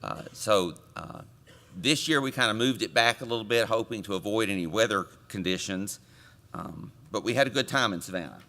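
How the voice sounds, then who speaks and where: A man chairing a committee, delivering a conference report from a podium microphone with relaxed joking asides to the audience. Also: lowish voice, fairly quick. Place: conference meeting room.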